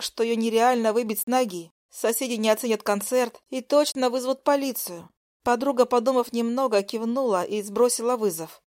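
A woman reading a first-person romance audiobook with expressive, intimate storytelling. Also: a little high. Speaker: audiobook narrator.

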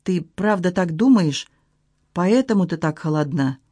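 An anguished, protective man presses his beloved with urgent, emphatic questions in a storybook scene, as a reader puts him on. The voice sits at a middling pitch and sounds dry and close. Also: expressive, unhurried, dark tone, no echo. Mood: pained. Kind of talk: audiobook reading.

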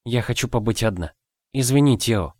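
A man's voice: medium pitch, moderate pace, a little mellow, no room sound, clean studio sound, close to an everyday voice. A man voicing a timid, self-doubting young girl in an audiobook. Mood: hurt.

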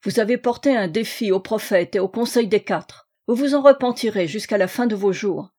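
A man's voice: sits high, moderate pace, darkish tone. A woman reading a boastful young church elder who courts a farmer's daughter with smug pride. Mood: furious. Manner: smug, pompous.

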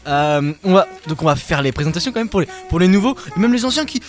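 A man's voice: high-pitched, lively intonation, fast, faint music behind. A young man hosting a casual podcast, joking with his co-hosts and stumbling over fillers as he goes. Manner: playful, hesitant with many fillers. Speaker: podcast host.

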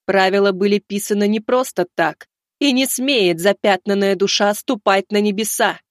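A towering divine judge with a raised, otherworldly voice, handing down slow and unbending verdicts, as a man puts her on. She is cold and commanding, and the sound is dry. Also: high voice, no echo, pitched above the performer's own voice, natural voice. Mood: stern. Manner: slow, measured, commanding pronouncements.

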